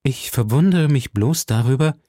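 A man's voice: mid-range voice, lively intonation, moderate pace, warm tone, dry recording, clean studio sound, voice pushed up, close to an everyday voice. Man voicing a tense, cornered noblewoman. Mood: wary.

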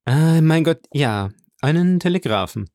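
A man voicing a suave, composed count who speaks with polished, measured courtesy. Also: on the high side, animated, darkish tone, no echo, clean studio sound, voice pushed up. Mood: assured.

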